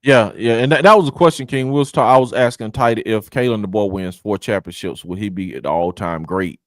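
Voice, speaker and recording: A man's voice: lowish voice, brisk, no echo, clean studio sound. A man co-hosting a casual sports debate in an informal, conversational manner. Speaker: sports show co-host.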